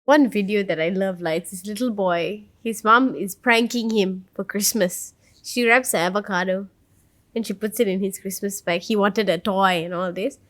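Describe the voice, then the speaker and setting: A woman's voice: medium pitch, normal speed. A woman in a casual conversation, asking curious questions and chatting.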